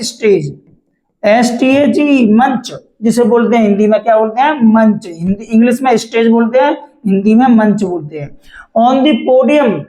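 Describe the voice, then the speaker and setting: Teacher in an echoey room, asking and answering himself. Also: male voice, extremely high pitch, dark tone. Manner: repeats questions to the class and answers them himself. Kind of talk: explaining a textbook chapter.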